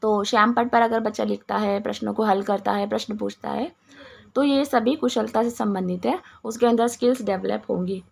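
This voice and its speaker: A woman with a hoarse voice and a cough, explaining answers to exam questions with restarts and many English words. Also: medium pitch, steady tone, normal speed, a little mellow. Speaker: teacher going through exam questions. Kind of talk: Hindi exam-prep lesson.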